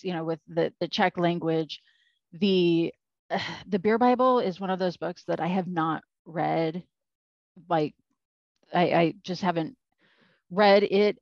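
A woman with a voice on the low side co-hosts a podcast, rambling through casual chat with lots of fillers and self-deprecating remarks. The recording is muffled, with no echo.

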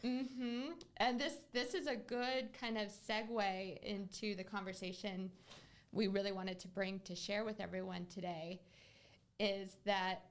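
A woman's voice: medium pitch, flat delivery, unhurried. A woman hosting a podcast, talking casually and earnestly as she tells a client story. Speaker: podcast host, real estate agent.

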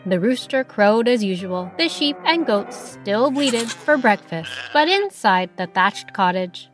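A woman narrating a children's story in an expressive storybook reading voice. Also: mid-range voice.

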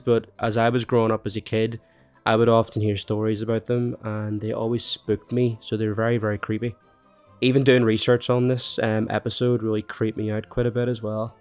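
A man's voice: medium pitch, darkish tone, clean tone. A young man hosting a podcast, chatty and self-mocking, sounding nasal and bunged up. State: congested with a cold. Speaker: podcast host. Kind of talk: casual podcast monologue.

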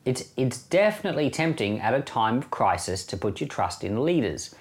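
A middle-aged man with an Australian accent, a pastor, gives informal Bible commentary on his podcast in a conversational, plain-spoken style with occasional chuckles. He has a mid-range, very animated voice at a moderate pace.

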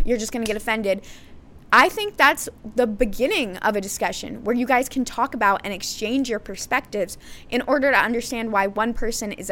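A woman's voice: on the high side, a bit bright, slight background noise. A woman hosting a solo podcast, talking candidly in a conversational way with frequent fillers and restarts, and a self-described sarcastic streak. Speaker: podcast host.

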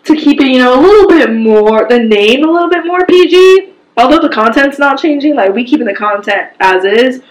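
A young woman co-hosting a podcast, chatting loosely in heavy slang and laughing between lines. Her voice sits a bit high. The room rings around her with a roomy echo. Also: animated, a little fast, hardly any pauses. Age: young adult. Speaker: podcast co-host. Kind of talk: casual chat. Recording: echoey room.

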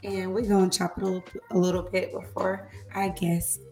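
Woman host, hoarse and nearly voiceless, slangy casual chat, roomy sound with music behind. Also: medium pitch, little pitch movement, normal speed, darkish tone. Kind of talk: casual co-hosted chat show.

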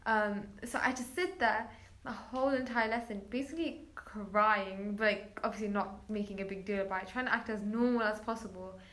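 A woman's voice: mid-range voice, fairly quick, a bit bright. A woman telling a personal story as a guest in casual chat, chatty, with many filler words, acting out quoted lines.

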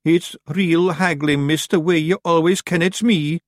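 A man's voice: on the high side, measured pace, dry recording, studio quality, pitched above the performer's own voice, natural voice. A man voicing a tiny, simple, eager fairy rogue with a Scottish accent, nervous and earnest, in an audiobook. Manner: excitable, earnest, dialect-heavy.

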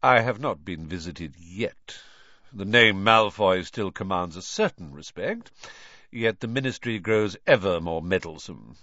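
Storybook villain: man voicing a disdainful aristocrat, clipped and cold, lively pitch. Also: measured pace, no room sound, lo-fi sound, heavily acted. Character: cold haughty aristocratic wizard father.

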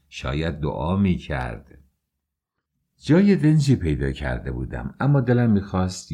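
A man narrating an audiobook story in an emotional, slow and dramatic way. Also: deep voice, mellow.

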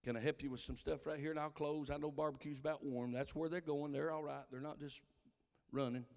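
A man preaching a sermon, impassioned, his delivery swelling into shouted cries. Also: fairly high pitch, steady tone, a little fast, in a large hall. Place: church sanctuary.

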